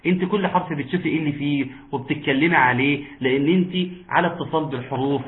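Egyptian man teaching over a tinny line. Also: on the high side. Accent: Egyptian Arabic. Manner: patient, repeats and models sounds slowly. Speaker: Quran recitation teacher. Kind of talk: online tajweed lesson.

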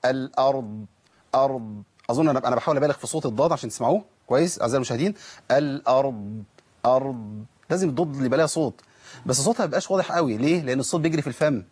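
Egyptian man, husky-voiced and brisk, teaching tajweed, demonstrates each sound carefully. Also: fairly high pitch, darkish tone. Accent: Egyptian Arabic. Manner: patient, corrects and models pronunciation step by step. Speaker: Quran recitation teacher. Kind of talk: televised tajweed lesson.

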